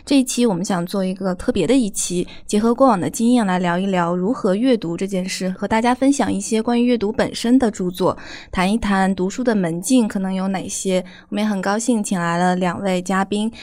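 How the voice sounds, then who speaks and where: A woman hosting a podcast, opening the episode and putting questions to her guests in a clear, orderly way. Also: medium pitch, fairly quick, few pauses, a little mellow, no room sound, studio quality. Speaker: podcast host. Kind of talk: scripted podcast introduction.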